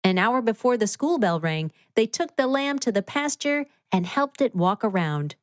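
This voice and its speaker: Higher-voiced woman reading a children's storybook. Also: big pitch swings, normal speed, no room sound, studio quality. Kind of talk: scripted children's storybook narration.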